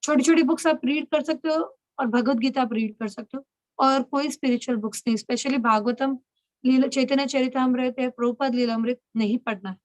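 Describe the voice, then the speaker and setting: A woman, a spiritual mentor, leads an online session for young women, giving instructive talk in a Hindi-English mix and often checking that she's understood. Her voice sits high and steady at a moderate pace, in a dry recording with poor audio.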